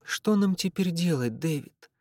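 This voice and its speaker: A remorseful young woman, as a male reader puts her on pleads in a lifted, hushed voice, apologizing again and again. Her words come softly insistent and dry, close to the mic. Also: on the high side, lively intonation, unhurried, no room sound, pitched above the performer's own voice. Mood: pleading.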